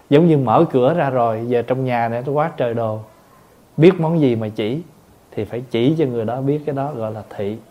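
Monk giving a dharma talk, warm low-key voice, patient, explains word by word. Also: male voice. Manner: patient, explains word by word, acts out everyday dialogues. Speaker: Buddhist monk teacher.

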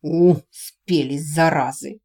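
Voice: medium pitch, steady tone, takes it slowly, darkish tone. A reader voicing a young male dragon, a grumbling, put-upon protective brother, in an audiobook reading.

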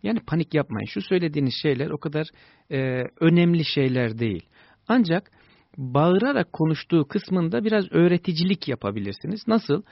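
A man hosting a radio advice show, calmly reassuring listeners and explaining child-rearing answers to their emails. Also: on the high side, brisk, vocal fry, dry recording. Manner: reassuring, explanatory, with lively stressed peaks. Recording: dull lo-fi broadcast, dry.

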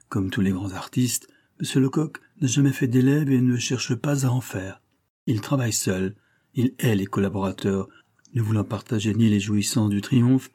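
A man's voice: on the low side, dark tone, husky. A man steadily narrating a classic novel as an audiobook reader.

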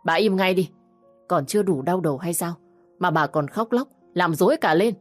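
A woman's voice: lowish voice, lively intonation, a little fast, no room sound, faint music behind. A woman voicing a short-tempered, powerful middle-aged man in an audio story. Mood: irritable.

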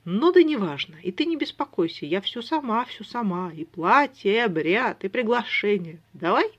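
A reader voicing an impatient, eager young woman who chatters fast and excitedly, in an audiobook. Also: medium pitch, voice pushed up. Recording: dull lo-fi recording.

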